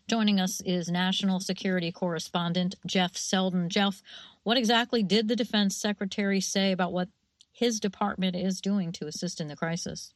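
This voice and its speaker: A woman anchoring a radio news bulletin, reading in a steady, measured way and questioning correspondents. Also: lowish voice, no echo. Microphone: studio mic.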